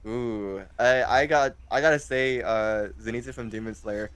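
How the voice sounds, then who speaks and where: A man's voice: mid-range voice, moderate pace, a bit bright, clean tone, dry recording. A young man in his twenties, chatting casually as an interview guest, hesitant and full of fillers. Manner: hesitant, rambling with many fillers.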